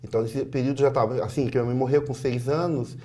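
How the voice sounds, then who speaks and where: A man's voice: mid-range voice, fairly even intonation. Hesitant Brazilian man telling his story. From Sorocaba, Brazil. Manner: hesitant, halting, with many fillers and trailing off softly. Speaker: interview guest. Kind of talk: personal testimony in an interview.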